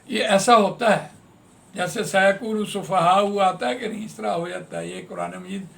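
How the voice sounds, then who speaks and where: High, gravelly-voiced man teaching a lesson. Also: big pitch swings, fairly bright tone. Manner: patient, repeats words slowly while explaining. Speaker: Quran tajweed and translation teacher. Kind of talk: classroom lesson explaining Arabic grammar in Urdu.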